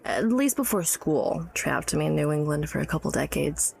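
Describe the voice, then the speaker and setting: Playing a wry, educated, slightly drunk New Yorker of the early 1900s, an actress gives a heavily acted performance in a period audio drama, teasing but holding back. Her deep voice is gravelly and darkish in tone, with lively intonation at a normal speed, as she tells wistful stories of her childhood.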